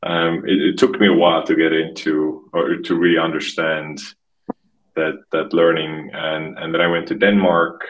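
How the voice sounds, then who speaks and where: A man from Estonia in his thirties, a podcast guest talking casually and haltingly, often restarting and repeating words. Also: very deep voice, flat delivery, lo-fi sound. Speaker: podcast guest, marketing expert. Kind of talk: casual interview conversation.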